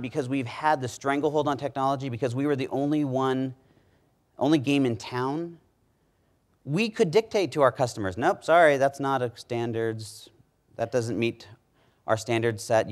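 A middle-aged man giving a conference keynote on a large stage, speaking emphatically into a lapel mic and dropping low on key words.

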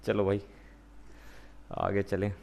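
Guy doing a chill, slow commentary on a zombie vr game, kinda goofy, faint hiss in the background. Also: lowish voice, vocal fry. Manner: jokey, excitable, apologizes to zombies and taunts them. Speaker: gamer. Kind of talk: casual VR gameplay commentary.

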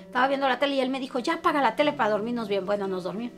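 Grieving Mexican mother, high voice. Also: rapid-fire. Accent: Mexican Spanish. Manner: anguished storytelling, acting out others' words. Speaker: interviewee, bereaved mother. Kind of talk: emotional personal testimony. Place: her family home. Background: soft guitar music.

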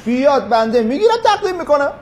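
A man's voice: extremely high pitch, sing-song, a little mellow. An actor playing a slick, evasive property middleman who argues point by point in a sitcom. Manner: slick, evasive, lawyerly ("firstly, secondly"). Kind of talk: sitcom acting.

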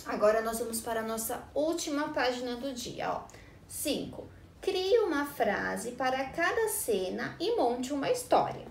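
A woman teaching a recorded lesson to young children, slow and patient, pointing things out and checking in often. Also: high-pitched, sing-song, vocal fry. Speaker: preschool teacher. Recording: echoey room with faint noise.

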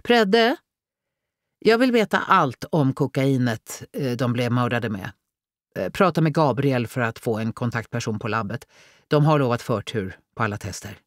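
A woman's voice: extremely low pitch, expressive, dry recording, clean studio sound. A woman reading an audiobook, voicing a male detective who hands out tasks with hesitant fillers. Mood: directive. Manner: hesitant, with many "eh" fillers, businesslike.

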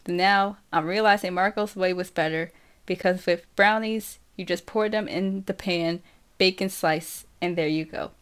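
A woman reading a first-person novel aloud for an audiobook, slow and steady. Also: on the low side, clean tone. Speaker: audiobook reader.

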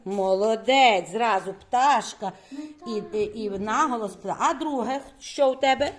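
A woman teaching a classroom of young children, questioning quickly and praising often. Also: fairly high pitch. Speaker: primary school teacher.

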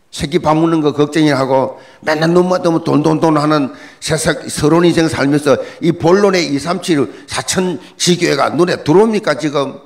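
A middle-aged male pastor, preaching a dawn prayer sermon, repeating key words and firing questions at the congregation. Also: a little high. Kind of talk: early-morning prayer sermon.

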